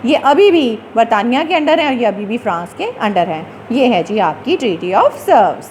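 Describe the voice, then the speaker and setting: A high-voiced woman teaching a class. She explains English words slowly and restarts often, filling pauses with hesitations. A faint hiss sits under the recording. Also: very animated, a little mellow. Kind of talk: classroom lecture explaining a text.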